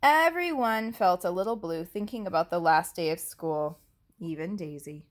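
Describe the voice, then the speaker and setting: A woman teacher reading a picture book aloud to young children, deliberately and expressively, with explanatory asides and questions. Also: fairly low pitch. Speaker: elementary school teacher reading to her class.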